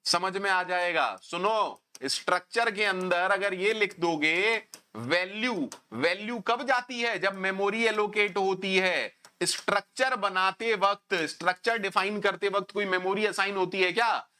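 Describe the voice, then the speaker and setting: Teacher, male, bright and clear, sarcastic, scolding lecturer. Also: high-pitched, measured pace. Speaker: programming teacher. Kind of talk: online coding lecture.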